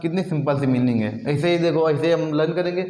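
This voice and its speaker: Man, vocabulary teacher, sing-song repetition, spelling aloud, slightly high voice, reverberant hall. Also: fast, warm tone. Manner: drawls and repeats words in a sing-song chant. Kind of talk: exam vocabulary lesson, spelling words aloud. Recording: echoey room with long reverb.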